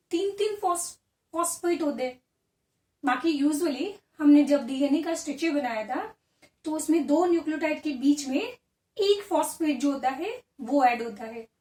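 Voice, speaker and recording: A woman's voice: high voice, a little mellow. A woman teaching biology, who explains step by step and asks and answers her own questions. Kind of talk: classroom lecture. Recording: roomy echo, a bit far from the mic.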